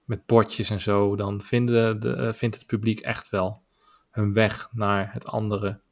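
A man with a Dutch accent co-hosting a podcast, talking in a measured, opinionated way with many filler pauses. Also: lowish voice, little pitch movement. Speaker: podcast co-host. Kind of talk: casual podcast discussion.

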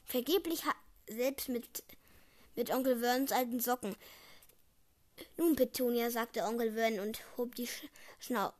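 A woman's voice: on the high side, steady tone, normal speed. A young girl reading a novel aloud, often stumbling over words and correcting herself. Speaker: reader.

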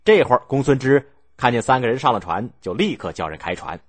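Male storyteller, expressive, husky, dry close recording. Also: medium pitch, fairly quick, no room sound. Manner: lively, expressive, acting out the story. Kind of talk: storytelling history for listeners.

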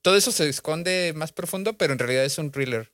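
A man's voice: on the high side, fast talker, no room sound. A man riffs casually on a podcast, recommending things with jokes and slang. His voice sits close and dry, with no room sound around it. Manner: joking, relaxed recommendations with slangy asides. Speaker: podcast co-host.

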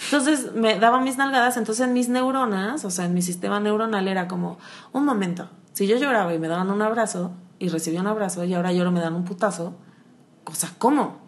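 A woman's voice: medium pitch, fairly quick. A young woman with a Mexican accent, co-hosting a frank, slangy casual conversation. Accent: Mexican Spanish. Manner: frank, slangy, laughs often. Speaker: podcast co-host. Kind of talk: casual chat.

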